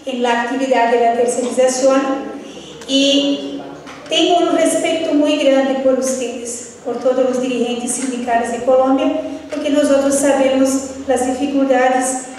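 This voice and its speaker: High-voiced Brazilian woman speaking portuñol, echoey hall. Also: steady tone, unhurried, darkish tone. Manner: mixes Spanish with Portuguese, portuñol. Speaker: trade union delegate. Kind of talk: formal greeting speech at a union event. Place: large echoey hall, heard from far off. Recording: echoey hall, distant, faint noise.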